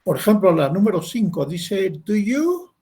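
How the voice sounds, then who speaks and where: A man's voice: high voice, big pitch swings, measured pace, a little mellow, husky. A man teaching an English class, patiently explaining and modeling questions.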